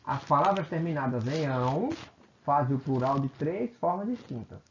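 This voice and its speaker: A Brazilian man gives a recorded grammar lesson, his pitch rising and falling a lot as he walks through examples. He checks in often and repeats himself when he corrects a slip. The sound is roomy and a bit muffled, with a faint hiss underneath. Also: lively intonation, normal speed. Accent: Brazilian Portuguese. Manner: explains step by step with frequent check-ins; self-correcting, repeats phrases. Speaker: teacher.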